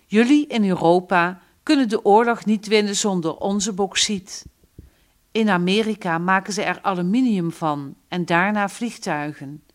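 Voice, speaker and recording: A woman's voice: mid-range voice, unhurried, close to an everyday voice. Lady doing a show-off young brother, storybook read, pretty plain voice. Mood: boastful. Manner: boastful, dropping to a whisper. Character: boastful young man dreaming of independence.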